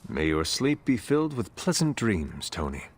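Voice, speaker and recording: An actor playing a solemn, courteous ancient warrior with dry wit in a video game, speaking formally in a gravelly voice. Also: male voice, on the low side, big pitch swings. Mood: dryly amused. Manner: formal, measured, no contractions.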